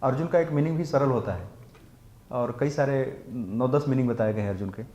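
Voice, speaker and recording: A warm, mid-range male voice leads this temple lesson on scripture. The speaker chants Sanskrit verses slowly, explains them in Hindi mixed with English words, and asks his listeners rhetorical questions.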